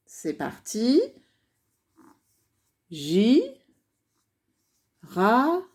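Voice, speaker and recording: Woman teacher for young kids, very slow and sing-song, syllable by syllable. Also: mid-range voice, darkish tone. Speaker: primary school teacher. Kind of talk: slow dictation lesson for young children.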